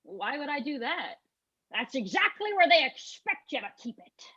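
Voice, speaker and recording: A woman plays a squeamish, paranoid friend in a comic stage play, with a very high voice that swoops all over. She speaks slowly and earnestly, and the recording sounds dull and lo-fi. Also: sing-song, sharp tone, full character voice.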